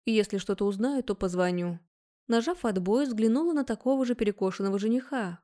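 A woman's voice: on the high side, fairly quick, dark tone. Young woman narrating a story, wry. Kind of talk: first-person audiobook narration.

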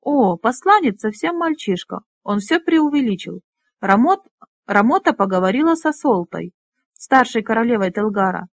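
A woman voicing a spirited, bossy young woman who leads dragonriders, talking briskly and teasing. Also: a little high, animated, no room sound. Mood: lively.

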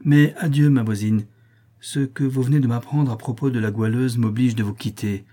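A man playing a calm, kindly gentleman. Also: medium pitch, lightly acted. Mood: reassuring. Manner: calm, measured, reassuring. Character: composed, generous gentleman protector. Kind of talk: audiobook character reading.

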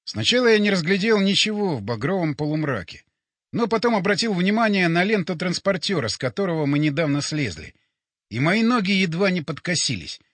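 A man narrating a first-person sci-fi audiobook with expressive, animated storytelling, recorded on a close studio mic. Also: high voice, a little fast, dry recording.

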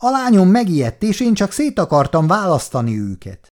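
A man's voice: on the high side, huge pitch swings, a bit bright, breathy edge, pitched above the performer's own voice, heavily acted. A man voicing a former soldier and father who apologizes tensely in a raised voice. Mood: placating.

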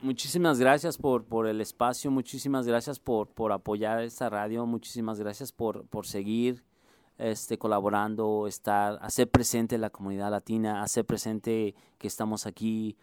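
This Mexico City musician and music instructor speaks with a local Spanish accent, answering radio interview questions earnestly but haltingly and often circling back to rephrase. His voice is fairly low, flat in delivery and a little mellow, with a clean tone in a dry recording.

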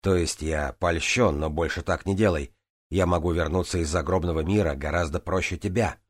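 A calm, teasing young warrior, voiced by a male narrator in a fantasy audiobook. He speaks mildly and without hurry in a deep, low voice. The sound is dry and close. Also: normal speed, dry recording. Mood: wry. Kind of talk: audiobook character voice.

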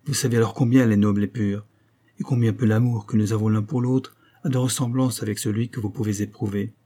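A man's voice: on the low side, quick pace, natural voice. A man playing a stern, unmoved husband. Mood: severe. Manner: calm, severe and detached.

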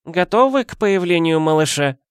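A man voicing a stern, sharp-tongued old village woman who scolds and warns. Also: on the high side, expressive, moderate pace, clean tone, no room sound, clean studio sound, voice pushed up, natural voice. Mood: sweet, polite. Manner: scolding, warning.

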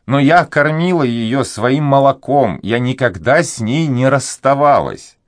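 A man voicing an elderly devout Spanish duenna who pleads and sighs, raising his voice high for her. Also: expressive, unhurried, dry recording, studio quality, lightly acted. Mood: earnest pleading. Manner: sighing, pleading, high raised voice. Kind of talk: audiobook character reading.

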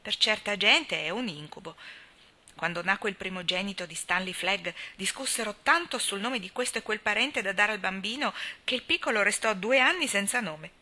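A woman's voice: mid-range voice, normal speed, pushed and bright. Woman reading a chatty gossipy old spinster. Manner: chatty, emphatic, sighing storyteller. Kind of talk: audiobook character reading.

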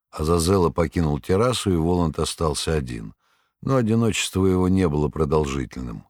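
A man narrating a novel in a measured, expressive audiobook reading. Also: low-pitched, no echo, studio quality. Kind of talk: scripted literary narration.

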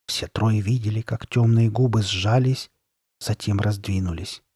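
A man narrating a horror story in a measured, dramatic reading style with slowed pauses. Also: on the low side, steady tone, dark tone, husky, dry recording, studio quality. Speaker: audiobook narrator.

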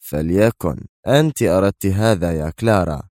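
A man's voice: low voice, moderate pace, dark tone, no echo, studio quality, lightly acted. A man voicing a nervous, irritable male lawyer in an audiobook, snapping his lines. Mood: irritated. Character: tense, irritable male lawyer, sharp and impatient.

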